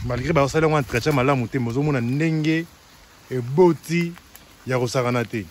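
A Congolese man guides viewers through a leafy park, speaking with eager enthusiasm. His voice sits at a middle pitch. A faint hum of the outdoors and animals stays behind him. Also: a little fast. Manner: enthusiastic, mixing Lingala and French. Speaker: vlogger touring a tourist site. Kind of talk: walking tour commentary.

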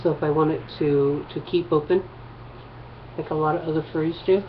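A woman's voice: deep voice, fairly even intonation, a little fast, slight background noise. A woman casually showing her fursuit work in a vlog, speaking through a costume head and rambling with hesitant fillers. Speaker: fursuit maker. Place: Phoenix. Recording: muffled lo-fi home recording.

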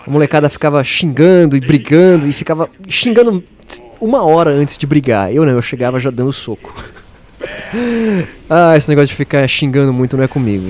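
A man narrates his gameplay in a casual, playful way. He taunts enemies and jokes with viewers, and his voice rises and falls with lively swings. His pitch sits a little high. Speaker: let's play host.

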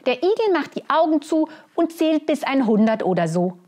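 A woman's voice: high-pitched, very animated, moderate pace, darkish tone, voice pushed up. A woman reading a children's picture book aloud, voicing an eager squirrel who likes to show off. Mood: playful. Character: excitable squirrel, eager playmate, proud of its tail.

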